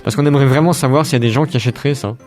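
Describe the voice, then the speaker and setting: A man co-hosting a casual radio show, cutting in with quick teasing quips. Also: medium pitch, a little mellow, soft background music. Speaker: radio co-host.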